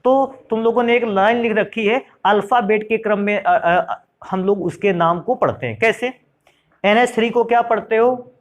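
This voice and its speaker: The recording is lo-fi, and the man's voice sits high at a moderate pace. He's a chemistry teacher giving a friendly classroom lecture, calling students "beta" and "bhaiya" while answering his own questions.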